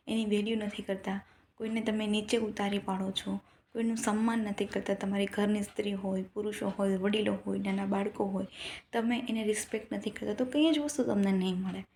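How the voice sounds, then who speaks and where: A woman's voice: mid-range voice, mellow, a little hiss or hum. A woman giving an earnest motivational talk to her followers, lecturing with many rhetorical questions. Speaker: motivational speaker.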